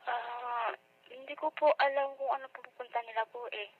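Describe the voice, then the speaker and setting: A woman's voice: on the high side, steady tone, normal speed. A young woman with a youthful-sounding voice answering the phone at home, giving short, polite, deferential replies. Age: young adult. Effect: heard over a phone line. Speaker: household member answering the phone. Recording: tinny phone line with faint hiss.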